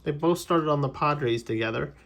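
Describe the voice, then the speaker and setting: A man's voice: on the high side, normal speed, fairly bright tone. A man casually opening trading card packs on his channel, rambling through player trivia and correcting himself as he goes. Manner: chatty, rambling trivia asides with self-corrections. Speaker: card-collecting channel host. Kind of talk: casual pack-opening commentary.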